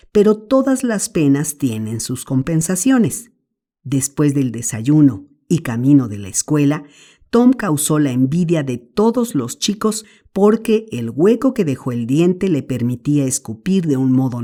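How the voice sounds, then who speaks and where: Brief: female narrator, Mexican accent, warm mellow tone, steady storytelling. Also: sits low. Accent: Mexican Spanish. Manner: measured storytelling. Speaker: audiobook narrator. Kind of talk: scripted narration.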